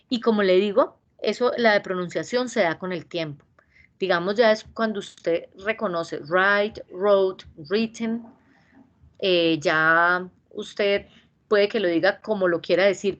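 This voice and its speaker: Lady teaching english verbs to a class, patient, says each form slow. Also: medium pitch. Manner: patient, repeats verb forms slowly.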